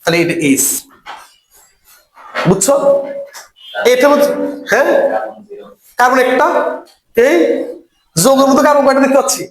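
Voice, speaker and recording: A man's voice: very high-pitched, lively intonation, normal speed, long pauses, crowd noise. A man teaching a chemistry class, who keeps quizzing his students and repeating each key term. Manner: repeats key terms for emphasis. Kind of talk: classroom lecture. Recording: echoey room.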